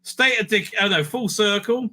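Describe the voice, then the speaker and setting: A man with a very bright, forceful, slightly high voice hosts a video ranking TV stories, speaking animatedly at normal speed. He thinks out loud in an off-the-cuff, rambling way, often cutting himself off and restarting sentences.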